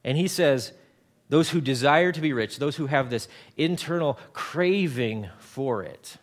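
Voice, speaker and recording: A man's voice: mid-range voice, lively intonation, a little slow. A man in his forties preaching a conversational sermon, often repeating words and mixing in homely everyday examples. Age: 40s. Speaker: pastor.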